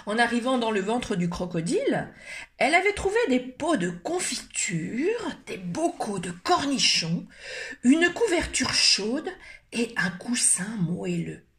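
Slow, animated woman reading a picture book. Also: fairly high pitch, roomy sound. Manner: expressive, lively storytelling. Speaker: library storyteller.

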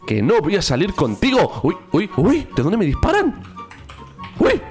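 A man with a Spain Spanish accent, giving excitable, teasing gameplay commentary at home. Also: high-pitched, a little slow, soft background music. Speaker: gaming YouTuber.

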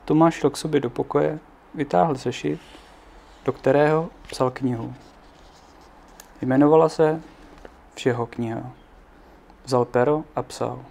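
A man reading a children's book aloud in an unhurried way, now and then adding offhand asides of his own. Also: mid-range voice, fairly even intonation, vocal fry, warm tone. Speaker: narrator.

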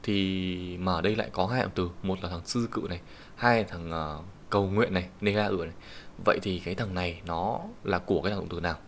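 A man with a Vietnamese accent teaching Japanese kanji in an online lesson, patiently explaining each reading and saying the Japanese example sentences slowly. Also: sits low, fairly even intonation. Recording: faint background hiss and keyboard typing.

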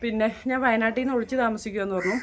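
A woman's voice: on the high side, fairly even intonation, racing, slight background noise. A woman talking casually to her viewers as she walks outdoors, filming on a phone and chatting in a loose, running way. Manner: chatty, keeps addressing viewers with tag questions. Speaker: vlogger. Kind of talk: casual walking vlog. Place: outdoors walking along roads, then at home.

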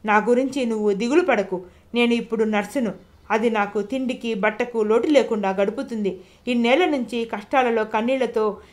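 A woman's voice: fairly high pitch, lightly acted. A woman narrator voicing a grown woman who reads out her sorrowful, resolute farewell letter in an audio novel. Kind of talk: audiobook character reading.

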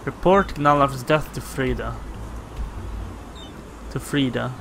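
A gaming channel host casually comments on gameplay, thinking out loud with lots of fillers. His mid-range voice is gravelly and slow. Loud game music plays under his voice, and there is background noise.

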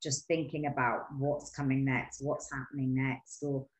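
Low-voiced lady host asking probing questions, roomy echoey sound. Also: level tone, normal speed. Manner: probing, searching questions with restarts. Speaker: interview host. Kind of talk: interview questions. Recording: roomy echo.

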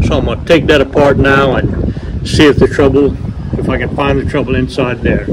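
A very noisy recording carries a man's mid-range voice as he narrates repairs on a vintage outboard motor for a casual vlog. Folksy and matter-of-fact, he refers to the motor as "her," working in his workshop and outdoors by the water.

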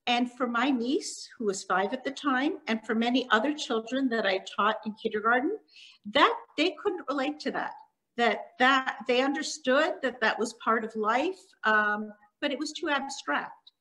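A woman's voice: on the high side, poor audio. Middle-aged woman presenting on a video call. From Canada (Montreal), born in Hungary. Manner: warm explanatory talk with frequent ums and pauses. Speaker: children's author giving a talk. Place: living room at home. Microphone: laptop webcam on a video call.

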